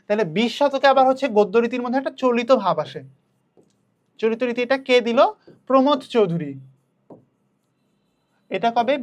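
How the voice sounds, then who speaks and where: A young adult woman with a Bangladeshi Bengali accent, teaching an online class and answering her own questions as she goes. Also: on the high side. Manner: asks questions then answers them herself.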